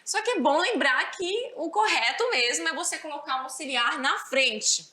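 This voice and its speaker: A woman's voice: sits high, expressive, normal speed, bright, forceful tone, echoey room. A woman with a Brazilian Portuguese accent teaching an English grammar lesson, explaining step by step and often checking understanding with "certo?". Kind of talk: recorded school lesson.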